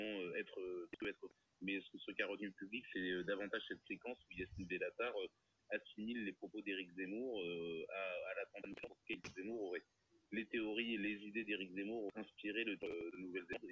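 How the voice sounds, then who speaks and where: A man interviews a guest on radio, putting brisk, probing questions. His voice is very deep and husky, and he talks quickly. The recording is dull and lo-fi. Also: fairly bright tone.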